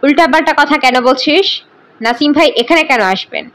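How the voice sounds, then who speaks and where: A woman's voice: sits high, very animated, moderate pace, low-quality recording. A woman reading an audiobook, voicing a young married woman who answers her younger sister in short, guarded, clipped replies. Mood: curt.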